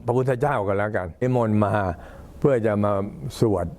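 Low-voiced older Thai monk, an old man. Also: moderate pace, a little mellow. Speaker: Buddhist monk addressing temple visitors. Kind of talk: informal talk, recounting temple history and announcements.

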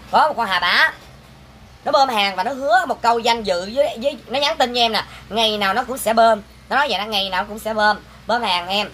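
A vlogger, ranting to viewers in an exasperated, sharp-tongued, scolding way about fake orders. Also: female voice, fairly high pitch, slight background noise. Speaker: vlogger selling goods online. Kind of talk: angry casual rant to viewers.

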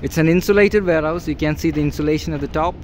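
This real estate agent talks rapid-fire in a somewhat high, darkish male voice as he tours an empty indoor warehouse, repeating himself while plainly pointing things out. A faint hiss or hum sits under the audio, recorded on the filmer's handheld phone.

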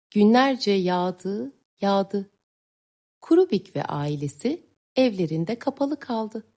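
A woman teacher reading a story aloud to young pupils in a clear, expressive way. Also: mid-range voice. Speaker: teacher reading a listening text. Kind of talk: children's story narration.

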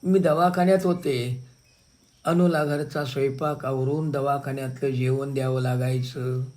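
A male storyteller reads a dramatic first-person tale in a slow, measured way. His voice sits fairly high for a man, and he leans into the emotion of each line. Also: mellow.

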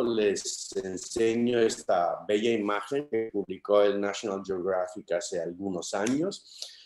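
An Italian-speaking man in his fifties gives an academic lecture over a video call from a home study lined with bookshelves. His very low, darkish voice is hesitant, full of "ehs," fillers, and restarts. The webcam audio has a roomy echo.

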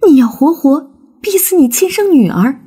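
Brief: a woman playing a young storybook heroine, pleading and emotional, husky tone, slow delivery. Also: on the low side, expressive, darkish tone. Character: young woman, devoted and defiant daughter.

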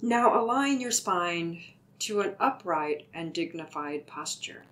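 This meditation is guided by a woman whose low voice moves at a very leisurely pace, deliberate and soothing as she gently gives each step. Her intonation is lively, though the recording is rough.

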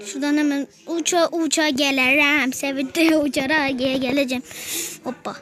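A woman with a very high voice talks her viewers through a match. Her commentary is casual and excitable, and she bursts out quickly when things go wrong. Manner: excitable, quick frustrated outbursts, keeps addressing viewers. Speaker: gaming video host.

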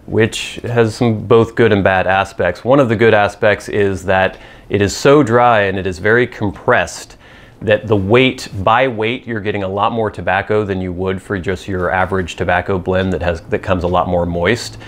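A man's voice: low voice, fairly even intonation, normal speed. A man in his thirties talking to camera in an informal, matter-of-fact product review, explaining details as he goes. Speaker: pipe tobacco reviewer. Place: small indoor room with cloth backdrop. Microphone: lapel mic.

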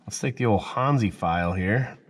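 A man's voice: fairly low pitch, moderate pace, slightly rough. A man narrating his own car repair in a garage, joking and muttering to himself as he works. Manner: joking, self-mocking, muttering to himself while working. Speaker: mechanic, channel host. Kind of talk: casual first-person workshop narration.

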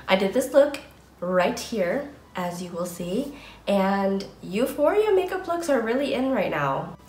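A woman's voice: medium pitch, slight background noise. A woman in her late twenties chatting casually through a makeup tutorial, narrating each step in a friendly way. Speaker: makeup vlogger. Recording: echoey room, faint music behind.

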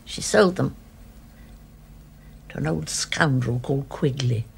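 A mischievous old woman holds court from her bed. Her voice sits low and gravelly, with a slow, amused drawl. She teases in a wry tone. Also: darkish tone, heavily acted. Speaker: bedridden elderly lady. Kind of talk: period TV drama acting.

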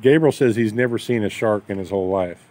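His voice is lowish and warm, moving a little fast. The middle-aged or older man, an expatriate farmer who vlogs, tells things in a rambling, folksy manner during a casual chat outdoors by a waterside building site. Ambient noise fills the outdoor recording.

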